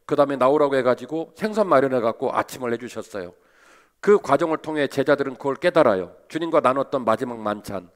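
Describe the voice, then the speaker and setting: Animated male pastor preaching a sermon. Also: medium pitch, fast talker. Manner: animated, asks the congregation rhetorical questions.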